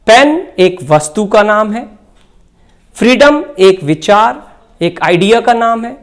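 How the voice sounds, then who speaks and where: A man's voice: sits high, expressive, slow pace. A man teaching a spoken-English grammar lesson, explaining carefully and spelling words out letter by letter.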